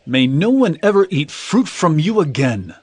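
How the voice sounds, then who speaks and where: An actor playing Jesus as an earnest, commanding teacher in a solemn, declamatory dramatized scripture reading. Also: male voice, on the high side, sing-song, moderate pace, a little mellow, breathy edge, no echo. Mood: stern rebuke. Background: music.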